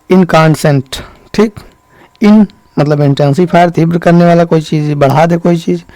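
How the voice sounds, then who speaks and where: A man teaching an exam-prep vocabulary lesson. He explains step by step, checks in often, and reads the English definitions slowly. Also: fairly high pitch, mellow, no echo. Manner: explains step by step, keeps saying "ṭhīk" to check in.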